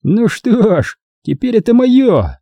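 A man's voice: extremely high pitch, big pitch swings, slow pace, mellow, no echo, clean studio sound, pitched above the performer's own voice, exaggerated voice. A man voicing a bitter, cruel young clan leader in an audiobook, with a harsh, snarling delivery. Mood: gloating.

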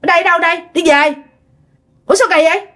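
Woman doing a gruff, stubborn old grandmother. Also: very high-pitched, fast, pushed and bright, voice pushed up. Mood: suspicious.

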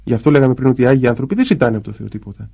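A man's voice: mid-range voice, vocal fry, slightly rough. A man, a priest, talking about prayer in a conversational way and acting out quoted voices as he goes. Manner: acts out quoted voices in lively asides.

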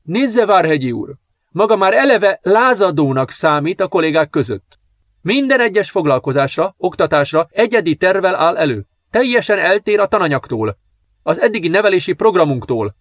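A man's voice: high voice, big pitch swings, dry recording, studio quality, pitched above the performer's own voice. A man putting on a stern, strict headmistress. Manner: severe, reprimanding.

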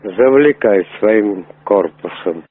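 A man's voice: fairly low pitch, expressive, slow pace. A man making a crude prank phone call, pushy and rambling, swearing often as he keeps asking to meet. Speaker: prank caller. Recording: tinny phone line.

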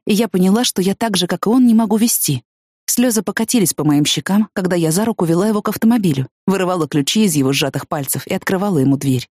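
A woman's voice: darkish tone, no room sound, clean studio sound. A woman reading a first-person story aloud as an audiobook, dramatic and intense in its voicing. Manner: dramatic, rising to high anguished cries in quoted speech. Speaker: narrator.

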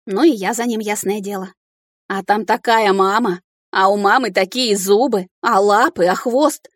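A woman narrating a first-person comic fantasy audiobook in a lively, ironic way. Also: mid-range voice, normal speed, no room sound.

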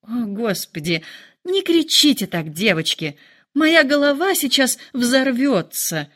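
A woman voicing an excitable, dramatic middle-aged mother who complains in a shrill, lively voice. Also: slow, full character voice. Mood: fretful.

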